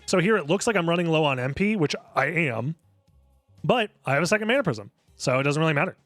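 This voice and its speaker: A man's voice: fairly high pitch, lively intonation, quick pace, fairly bright tone, no room sound. A man giving casual speedrunner commentary, explaining his play analytically, step by step. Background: music under the voice.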